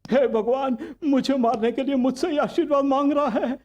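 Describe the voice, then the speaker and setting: An actor dubbing a cowardly older uncle who whines and wails while being beaten. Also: male voice, extremely high pitch, fairly even intonation, normal speed, a little mellow. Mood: whining. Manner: whining, wailing.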